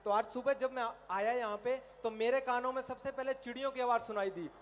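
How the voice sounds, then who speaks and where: A man from Himachal Pradesh doing animated stand-up comedy on an outdoor festival stage, telling stories. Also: very high-pitched, brisk. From Himachal Pradesh, India. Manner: animated storytelling, puts on animal and cartoon voices. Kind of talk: stand-up comedy at a college fair.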